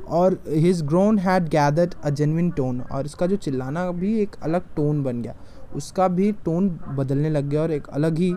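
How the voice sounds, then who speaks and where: A teacher reads an English story line by line and stops to explain each part in plain words. The delivery is slow and steady. The voice is soft and mellow. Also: medium pitch. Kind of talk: reading an English story aloud and explaining it in Hindi.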